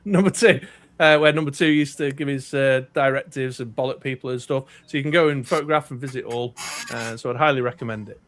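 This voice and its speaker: A fast, medium-pitched and slightly bright voice carries this casual podcast chat, with a little background noise. The speaker, a middle-aged co-host from North Wales with a British accent, rambles and keeps restarting between ums.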